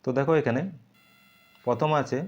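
A man's voice: medium pitch, fairly even intonation, a little fast, a little mellow. Man teaching syllables, dull lo-fi sound. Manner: breaks words into syllables, asks and answers his own questions. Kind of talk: recorded video lesson.

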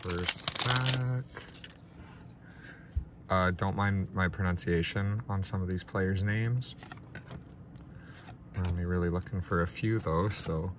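Speaking slowly with long pauses, a low-pitched young man comments casually on the trading card packs he's opening. He sounds congested, talks without a script, and is a little self-deprecating. The background is noisy, and he's in a small room lit by a ring light.

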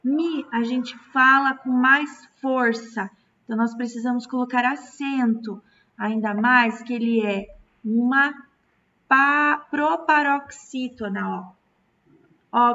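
A woman's voice: high voice, pushed and bright. A Brazilian woman teaching a recorded lesson to children, patient and stretching out key words. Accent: Brazilian Portuguese. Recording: distant, dull lo-fi mic.

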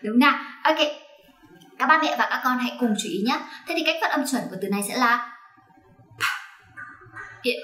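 A woman with a fairly high, pushed and bright voice leads an online phonics class for parents and kids, encouraging them and checking their English pronunciation along the way. The room sounds echoey.

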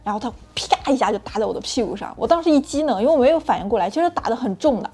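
A woman hosting her own channel, telling a frank personal story in an animated, chatty way with many restarts. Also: fairly high pitch, racing, husky. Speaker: channel host sharing personal experience.

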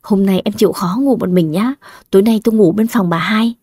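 A woman's voice: mid-range voice, fairly quick, warm tone, no room sound, clean studio sound, natural voice. A woman voicing a troubled middle-aged man, head of a clan, who speaks curtly and wearily. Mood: coaxing.

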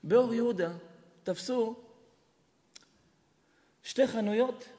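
A man, a rabbi, giving an emphatic Torah lesson, jumping from loud exclamations to hushed asides while telling stories. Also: very high-pitched. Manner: storytelling with acted dialogue. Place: large hall at an evening lesson. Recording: hall reverb.

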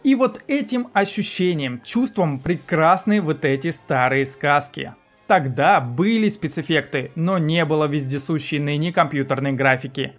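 Indoors in a small room, a man in his thirties presents a scripted video essay as a film review host, his voice sitting on the high side.

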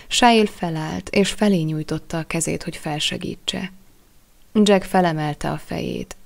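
A woman with a low, slightly gravelly voice narrates an audiobook. Her reading is measured and expressive, carrying the story forward at an even pace. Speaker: audiobook reader.

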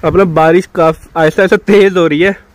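Cold and talkative, a young motorbike traveler vlogs into his handheld phone from a rainy hillside camp. He speaks briskly, his voice high and fairly even in intonation.

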